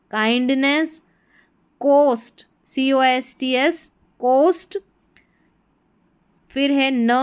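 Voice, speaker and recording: A woman's voice: a little high, clean tone, lo-fi sound. A young Indian woman teaching English reading, spelling each word letter by letter before saying it, with an Indian accent. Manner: spells words letter by letter, then says them in Hindi-accented English. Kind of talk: slow spelling-out reading lesson.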